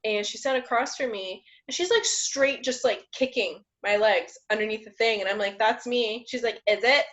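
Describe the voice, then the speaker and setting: A young woman co-hosting a casual home podcast, chatting bluntly and telling stories with a joking edge, and she says her voice is deep for a woman. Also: moderate pace, hardly any pauses, a bit bright. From Florida. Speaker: podcast co-host. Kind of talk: casual chat. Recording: muffled lo-fi home recording.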